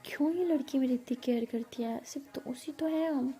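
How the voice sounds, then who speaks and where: A woman voicing a calm, reserved woman teacher who speaks softly and soothingly. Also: sits high, measured pace, gravelly. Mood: musing. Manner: calm, soft-spoken, soothing.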